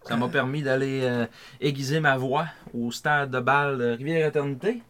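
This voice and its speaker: A man with a Quebec French accent speaks at a middling pitch. He co-hosts a podcast in an easygoing chat style, with clear noise behind him. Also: steady tone, moderate pace, fairly bright tone. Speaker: podcast co-host. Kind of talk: casual chat.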